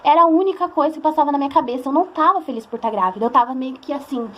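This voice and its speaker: A woman's voice: sits high, rapid-fire. A young woman with a Brazilian accent, telling a personal story to her viewers in a chatty, emotional way and acting out the voices of people she quotes. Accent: Brazilian Portuguese. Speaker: vlogger.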